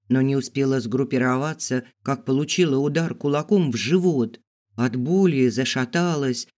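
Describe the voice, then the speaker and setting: A man's voice: medium pitch, darkish tone. Man steadily narrating an audiobook. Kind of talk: scripted narration.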